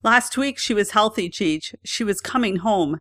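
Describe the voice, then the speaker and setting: A man's voice: high-pitched, expressive, unhurried, a bit bright, no echo, clean studio sound. A woman voicing a frantic middle-aged husband pleading for help, his voice cracking. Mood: desperate.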